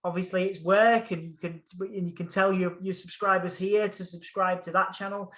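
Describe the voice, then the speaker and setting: A man from Hull, England, speaking with a Hull English accent, chats enthusiastically as a podcast guest over a call in a casual interview, often repeating phrases for emphasis. His voice sits high with a steady, fairly bright tone at normal speed, and the sound is roomy.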